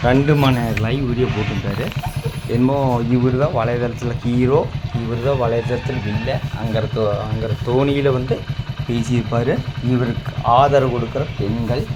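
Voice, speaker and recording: A man's voice: medium pitch, a little mellow, slight background noise. A man with a Tamil Nadu accent delivering indignant, scolding online commentary in a repetitive, emphatic way. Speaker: YouTube commentator. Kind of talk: critical commentary on another YouTuber.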